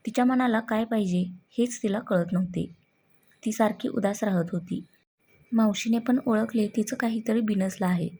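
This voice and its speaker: A woman reading a scripted story aloud in an even manner. Her voice is husky and mellow, with a gravelly creak running through it. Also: mid-range voice, moderate pace.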